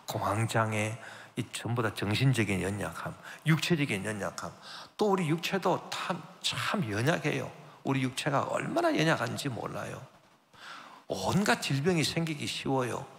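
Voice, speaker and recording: A man's voice: mid-range voice, big pitch swings, moderate pace, creaky, fairly bright tone. A man, senior pastor of a church, preaching a Sunday sermon with rising emphasis and spoken asides. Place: church sanctuary. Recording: long church hall reverb.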